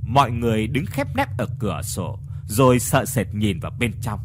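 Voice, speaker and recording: A man's voice: on the low side, sing-song, moderate pace, background noise. Guy reading a ghost story, dramatic, voice swings a lot. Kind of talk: scripted horror story narration.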